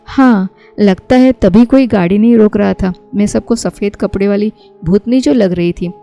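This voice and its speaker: A woman's voice: mid-range voice, moderate pace, gravelly, mellow, muffled recording, faint music behind, natural voice. Woman voicing a polite stranded young woman. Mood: friendly. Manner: polite, curious. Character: young working woman stranded, friendly, curious.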